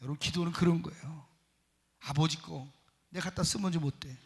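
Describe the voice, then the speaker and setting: A man preaching a fervent sermon as pastor, moving between quiet asides and loud proclamations and acting out voices in dialogue. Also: a little high, fairly quick, husky. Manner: acts out quoted voices in dialogue. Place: church sanctuary. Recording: long church hall reverb.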